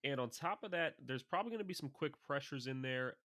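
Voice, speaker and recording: Excitable male podcast co-host, dry sound. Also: medium pitch, fairly quick, dry recording. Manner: animated, excitable storyteller. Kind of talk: casual fantasy football chat.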